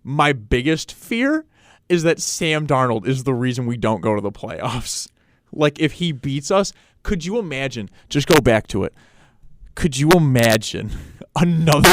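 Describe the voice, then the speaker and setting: A young man co-hosting a sports podcast in casual chat, excitable, swearing often and laughing a lot. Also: medium pitch, measured pace, dry recording, studio quality. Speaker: podcast co-host.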